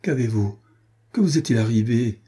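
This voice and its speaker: A man's voice: mid-range voice, lively intonation, moderate pace, dark tone, slightly rough. Brief: male reader doing a reserved young lady, worried questions. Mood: concerned.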